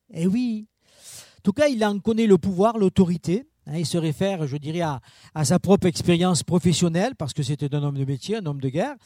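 A man preaching a sermon in a chatty way, full of fillers and asides to the congregation, with big swings in pitch and loudness. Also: dry recording, clean studio sound.

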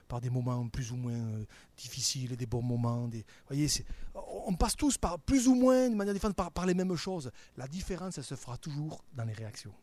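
A man preaching a sermon as a pastor. His delivery is halting and repetitive, with restarts and filler. It swings between hushed, reflective stretches and loud, emphatic bursts at a middling pitch.

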